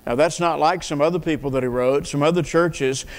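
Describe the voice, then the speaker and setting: A man's voice: fairly high pitch, a little fast. An older man preaching an earnest sermon at a church pulpit, asking the congregation questions and often repeating words. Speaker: pastor. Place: church sanctuary, at a wooden pulpit. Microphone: pulpit mic. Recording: long reverb of a church hall.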